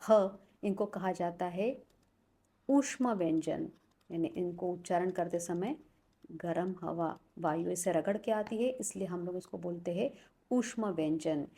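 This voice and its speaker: A woman teaching Sanskrit letters, sounding out each one slowly and deliberately. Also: fairly low pitch, mellow. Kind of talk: explaining a lesson.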